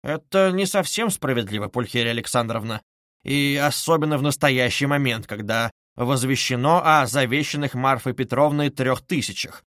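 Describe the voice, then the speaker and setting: A man reading aloud voices a pompous, sarcastic middle-aged gentleman in a stiffly formal manner. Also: fairly high pitch, lively intonation, normal speed, no room sound, studio quality. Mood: sneering. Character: sneering pompous middle-aged male suitor.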